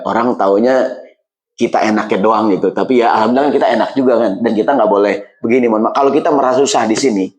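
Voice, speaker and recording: In a low-quality recording, a man preaches a casual sermon in a mosque, speaking in lively slang and jumping high in pitch whenever he quotes other people.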